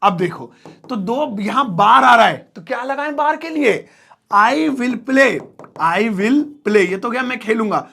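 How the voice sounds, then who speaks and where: A man's voice: very high-pitched, expressive, takes it slowly, vocal fry, pushed and bright. A man teaching an English lesson at a whiteboard, explaining words playfully, with jokes and mock exclamations.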